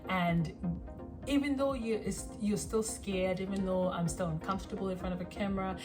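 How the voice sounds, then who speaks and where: A woman in her twenties from South Africa, introducing herself to the camera in a rambling, self-conscious vlog with lots of ums and pauses, recorded on a phone. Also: mid-range voice, music in the background. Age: 20s. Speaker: vlogger.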